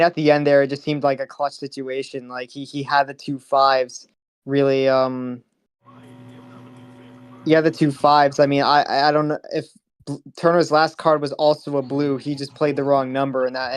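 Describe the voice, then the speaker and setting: A man analyzing a card game match, hesitant, with many pauses and fillers. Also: medium pitch, level tone, clear, resonant tone.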